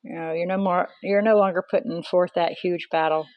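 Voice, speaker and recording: A woman's voice: on the low side, fairly even intonation, a little fast, no room sound, lo-fi sound. A woman reading tarot cards aloud in a casual, chatty way, thinking aloud with many ums and restarts. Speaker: tarot reader.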